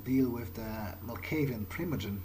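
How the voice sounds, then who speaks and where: Over video game ambience, a let's player performs an improvised in-character monologue as a brooding young male vampire burdened by guilt, stumbling hesitantly and repeating words. His voice is medium-pitched and a little mellow at a moderate pace, with slight background noise.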